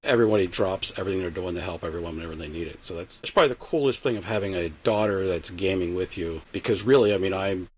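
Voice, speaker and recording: Older guy rambling on a podcast, real deep voice, talks fast, faint hum behind. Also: rough recording. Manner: rambling, full of fillers and restarts. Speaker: podcast guest. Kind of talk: casual chat. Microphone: home mic set low.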